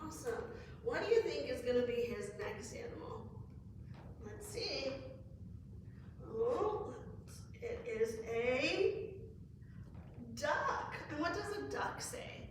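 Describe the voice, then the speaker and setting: A high-pitched woman speaks to toddlers at a children's story time, encouraging them and asking simple questions. Her delivery is slow and simple. The recording is very echoey, picked up from a distance with noise around it. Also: sing-song. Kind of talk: interactive nursery rhyme and song session for toddlers. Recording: very echoey room, distant mic, noisy.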